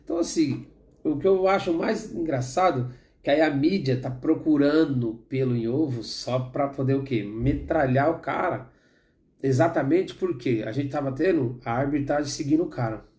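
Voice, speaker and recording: Brazilian guy with a brazilian accent, mid-pitched and mellow, going off on football in a casual rant. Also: normal speed. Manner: heated, rambling, frequent restarts and asides. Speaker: football commentator. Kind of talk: opinionated casual football talk.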